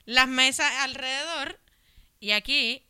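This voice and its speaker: A comedian with a Puerto Rican accent telling a lively story in casual chat. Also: female voice, high voice, slow pace, slight background noise.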